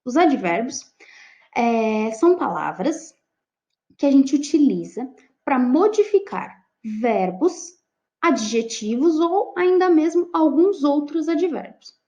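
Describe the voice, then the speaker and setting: A Brazilian-accented woman whose mellow voice sits high teaches Portuguese online, checking in with her students as she explains things step by step. The audio is dull and lo-fi.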